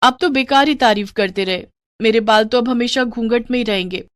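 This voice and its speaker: Young, gentle new bride with a raised, soft voice, as a woman puts her on in a cartoon story. She talks in a pleading, tender way. The sound is dry and close. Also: on the high side, brisk, dry recording, voice pushed up, lightly acted. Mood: complaining.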